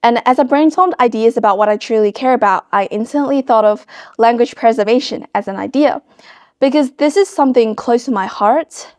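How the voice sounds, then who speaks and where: A teenage interviewee from China, later living in Australia, explains her own student project. She's in high school, and her high voice carries a darkish tone.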